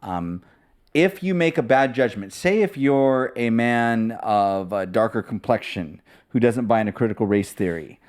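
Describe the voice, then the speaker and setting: A man with a very lively, swooping voice, speaking on a relaxed podcast panel. He presses his points emphatically, doubling up words as he goes. His pitch sits in the everyday middle. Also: moderate pace. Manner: animated, emphatic, repeats words. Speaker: podcast co-host, seminary-trained. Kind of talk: casual panel discussion.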